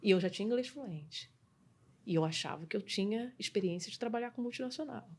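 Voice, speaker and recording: A middle-aged woman from Brazil, a customer experience mentor, telling her story as a podcast guest in an animated way, often restarting phrases and adding tag questions. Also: mid-range voice, a little fast, slightly rough. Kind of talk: conversational interview storytelling.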